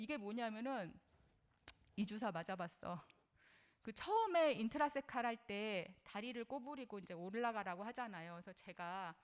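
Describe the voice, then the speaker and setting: A middle-aged woman giving a parenting lecture in an earnest, conversational way, often putting questions to her listeners and drawing on her own life as a mother. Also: mid-range voice. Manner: personal, shares her own experience as a mother.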